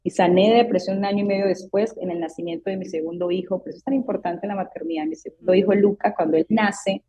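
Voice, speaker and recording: A woman in her thirties shares her own story as a guest on an interview podcast. She speaks earnestly and with feeling, and her voice is mellow and a little husky. The recording sounds slightly dull and lo-fi. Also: medium pitch, steady tone, fast talker. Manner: earnest, emotional storytelling with acted-out quotes. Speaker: psychologist guest. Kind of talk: personal testimony in a podcast interview.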